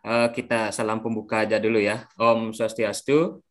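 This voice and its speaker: A man's voice: fairly low pitch, little pitch movement, normal speed. A young man with an Indonesian accent teaching a class in an upbeat, coaxing way, often checking in with the pupils.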